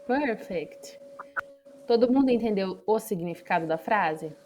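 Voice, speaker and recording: A woman's voice: mid-range voice, lively intonation, measured pace, warm tone, soft background music. A woman with a Brazilian Portuguese accent, teaching an English class online on a video call and explaining patiently. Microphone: computer microphone on a video call.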